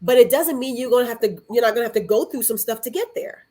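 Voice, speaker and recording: A woman with a fairly high yet dark-toned voice talks fast as a podcast guest, reflective and earnest in a conversational style. She frequently repeats phrases and poses rhetorical questions.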